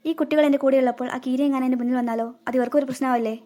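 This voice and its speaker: A woman voicing Nagarani, a high, rapid snake queen. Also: steady tone, warm tone, natural voice. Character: snake queen in human form, kindly but secretive. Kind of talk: cartoon voice acting.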